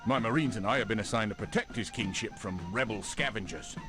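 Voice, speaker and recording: An actor playing a proud, tea-starved British redcoat officer with a British accent, in a theatrical, blustery manner. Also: male voice, lowish voice, a little fast, natural voice. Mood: grumbling. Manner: theatrical, blustery, full of period exclamations. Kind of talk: 1990s educational game voice acting. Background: game music.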